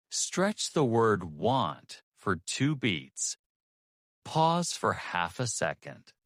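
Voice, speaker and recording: A man coaching English speaking in a scripted, emphatic lesson with weighty pauses. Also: fairly low pitch, no room sound, studio quality.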